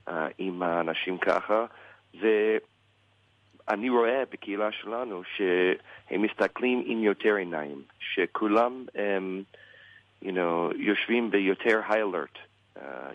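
A man with an American English accent in Hebrew, a native English speaker, answers a radio interview as a rabbi, haltingly searching for words. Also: fairly low pitch, no room sound, narrow, tinny audio.

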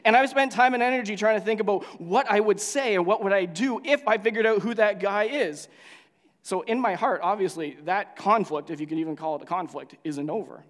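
A man's voice: high-pitched, fairly quick, in a large hall. A male pastor praying and then preaching in a conversational, storytelling way with frequent restarts. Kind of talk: sermon with prayer.

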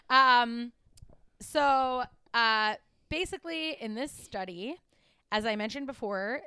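Chatty young woman, smooth voice. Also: mid-range voice, bright, forceful tone, no room sound, clean studio sound. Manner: chatty, laughs often, many "like" fillers. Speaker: podcast co-host. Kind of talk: casual chat.

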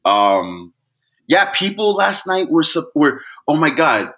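A young man co-hosting a podcast in casual chat, animated and jumping into high, loud voices when he mimics other people. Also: slow pace. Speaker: podcast co-host.

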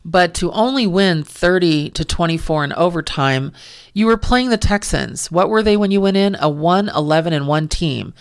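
A woman's voice: lowish voice, expressive, normal speed. Opinionated woman ranting about football. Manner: opinionated, exasperated, sarcastic asides. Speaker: sports podcast host. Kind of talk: casual football commentary monologue. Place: lives in California.

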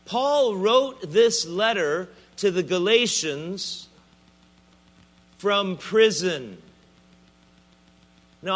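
Southern US male bishop, sermon, bright voice, very slow and deliberate delivery. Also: sits high. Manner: expressive preaching with playful asides.

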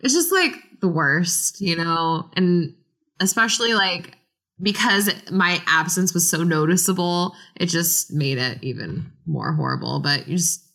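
A woman's voice: on the low side, sing-song, unhurried, a bit bright. A woman archaeologist in casual podcast chat, rambling with lots of fillers.

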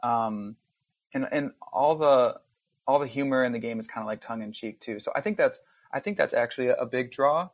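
A man's voice: mid-range voice, fairly quick, no echo. A man chatting casually as a guest game developer on a podcast, rambling with plenty of fillers. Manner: relaxed, rambling, lots of fillers.

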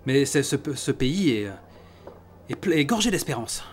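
A man voicing a smooth-talking gentleman with a suave, flowery way of speaking. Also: medium pitch, big pitch swings, normal speed, slight background noise, lightly acted. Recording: faint music behind.

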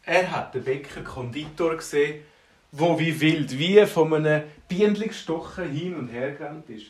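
A man with a Swiss German accent telling a children's story in a lively, animated way. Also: fairly high pitch, moderate pace. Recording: roomy, from a distance.

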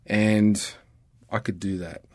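Middle-aged Australian man, guest, earnest and reflective, low-pitched, dry close sound. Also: flat delivery, takes it slowly, no echo. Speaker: guest, ministry worker. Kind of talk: casual conversation.

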